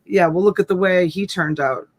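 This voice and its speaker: This woman's voice leans low and moves at a normal speed. In her fifties, she hosts a casual reseller live stream on a USB desk mic, reading comments and chatting with viewers in a rambling manner.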